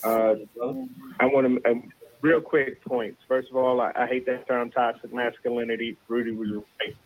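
A man's voice: medium pitch, steady tone, normal speed, a little hiss or hum. A man calling in to a talk show, heard over a phone line, making earnest points and often restarting his words. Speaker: caller. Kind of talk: call-in commentary.

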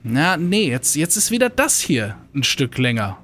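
A man's voice: fairly high pitch, very animated, measured pace, fairly bright tone, heavily acted. A man doing a fretful fable chicken. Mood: fretting.

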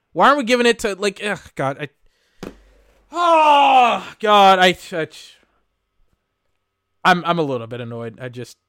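A high, bright male voice ranting through a podcast in loose, rambling commentary. He sounds exasperated, swears freely and trails off mid-thought. The sound is close and dry, with no room behind him. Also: dry recording. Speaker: podcast host. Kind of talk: casual live-reaction commentary.

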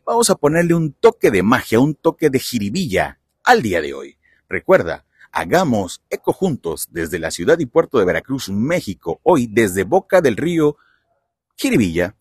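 A man's voice: mid-range voice, sing-song, normal speed, long reverb tail. A man hosting a podcast, chatting in a friendly way with a guest and laughing easily. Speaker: podcast host. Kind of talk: casual interview.

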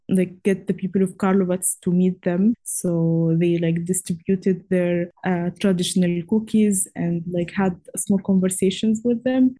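Woman, 20s, from Egypt, interview guest, lower pitch, hesitant, filler-heavy. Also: warm tone. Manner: hesitant, many fillers and restarts. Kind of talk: casual interview.

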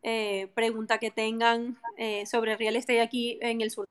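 A Venezuelan real estate agent joins a live stream as a guest for a casual interview chat, talking in a friendly way. Her voice is on the high side, level, unhurried and smooth, and she laughs easily while her speech is full of fillers and restarts.

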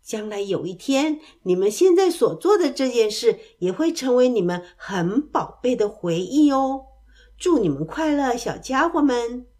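A woman voicing a calm, wise old grandpa rabbit in a children's storybook, slow and gentle. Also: fairly high pitch.

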